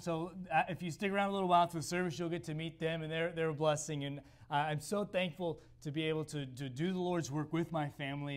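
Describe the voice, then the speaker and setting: A young man with a hoarse, failing voice, giving a missions talk in church, halting and often repeating words. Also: on the high side. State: hoarse, losing voice. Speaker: missionary speaker.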